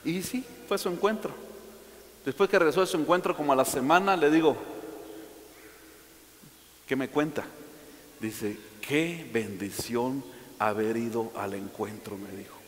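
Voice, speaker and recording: A man's voice: a little high, expressive, normal speed, long pauses, big-room sound. A man preaching a sermon as pastor, talking colloquially and throwing rhetorical questions at the congregation.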